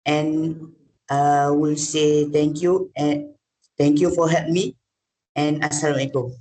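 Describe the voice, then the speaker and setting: A man's voice: on the high side, little pitch movement, a little slow, darkish tone, rough recording. A man asking interview questions in English, hesitant, often repeating and correcting his words.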